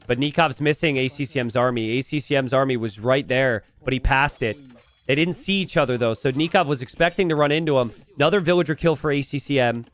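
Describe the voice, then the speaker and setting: A man's voice: mid-range voice, no room sound. A man giving live esports commentary on a strategy game as a caster, drawing out key phrases for emphasis. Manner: esports caster delivery, stressing key phrases with drawn-out words.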